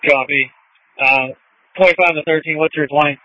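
A man answering in quick, clipped call-sign replies as an officer on patrol, heard over a two-way radio. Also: a little high, steady tone, pushed and bright, no echo. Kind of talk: terse radio traffic with call signs. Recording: lo-fi radio transmission.

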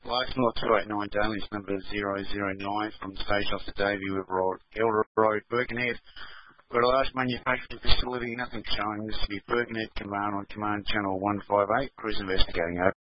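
A man's voice: lowish voice, level tone, quick pace, dull audio, noisy background. A man, a fire station officer, reporting over a two-way radio in clipped, formal radio procedure. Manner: clipped, formal call signs. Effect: two-way radio transmission. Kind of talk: terse radio call procedure.

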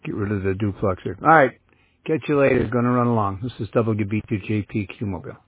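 A man's voice: lowish voice, fast talker, slightly rough, no room sound. A man working as an amateur radio operator, chatting casually over a two-way radio. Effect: two-way radio transmission. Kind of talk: casual ham radio chat. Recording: tinny, roomless narrowband radio.

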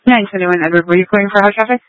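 A man's voice: high voice, rapid-fire, no echo. A man working as a police dispatcher, heard over a police radio, urgently repeating calls for units to respond. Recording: muffled dry radio transmission.

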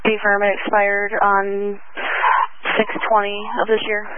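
A woman working as a police dispatcher, reading out vehicle and license records over a police radio in an even, procedural way. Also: mid-range voice, measured pace. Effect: police radio transmission. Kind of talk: clipped police radio traffic. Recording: tinny lo-fi radio with faint static.

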